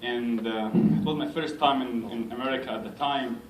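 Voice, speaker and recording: A man from Egypt, an imam giving an unhurried, gently self-mocking speech to a community gathering in a large hall. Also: medium pitch, a little hiss or hum. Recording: echoey hall, mic at a distance.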